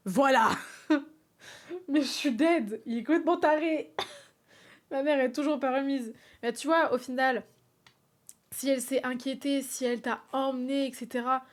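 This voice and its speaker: High-voiced, animated young woman streamer. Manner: animated, laughs often, talks straight to chat. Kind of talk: casual live-stream chat with viewers.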